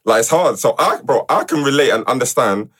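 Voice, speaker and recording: Casting: London male podcast co-host, mid-pitched, very quick talker, casual, slangy, repetitive for emphasis. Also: animated, fairly bright tone, slightly rough. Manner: slangy, agreeing, repeats phrases for emphasis. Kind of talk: casual chat.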